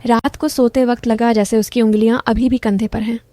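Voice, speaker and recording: A woman's voice: a little high, little pitch movement, a little fast, dark tone, no room sound. A middle-aged woman narrating a first-person story in a confiding, intimate manner.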